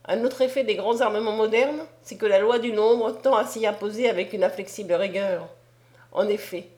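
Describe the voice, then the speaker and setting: A woman reading aloud as a male angel philosopher in an audiobook, measured and lecturing. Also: a little high, darkish tone, close to an everyday voice.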